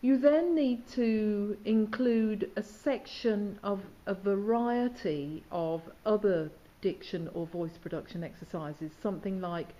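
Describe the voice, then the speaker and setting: A woman's voice: mid-range voice, takes it slowly, few pauses, dark tone, dull audio. A woman teacher instructing students in diction, asking questions and demonstrating sounds. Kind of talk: questioning students and explaining exercises.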